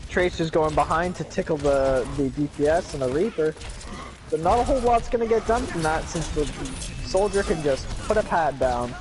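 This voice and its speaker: A man giving live play-by-play commentary on an esports match, with excited calls and joking asides. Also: a little high, moderate pace. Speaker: esports caster.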